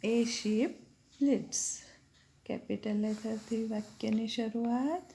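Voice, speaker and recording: Slow, gravelly woman teacher dictating. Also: on the high side, fairly even intonation, mellow, slight background noise. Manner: slow, deliberate, spells out words letter by letter. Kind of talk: slow dictation lesson for children.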